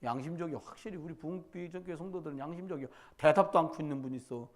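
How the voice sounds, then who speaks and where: A male pastor preaching a midweek church sermon, swinging between loud exhortation and quiet storytelling, and often putting questions straight to the congregation. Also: a little high, very fast. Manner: conversational, addresses congregation directly with questions.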